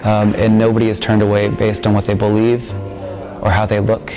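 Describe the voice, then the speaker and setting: A young man talks earnestly about his campus ministry in a recorded testimonial, pausing often with ums. His voice sits on the lower side and stays quite flat. A clear music bed plays beneath him. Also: low-quality recording. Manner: earnest, reflective, with frequent ums. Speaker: student member of a campus ministry. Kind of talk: interview testimonial.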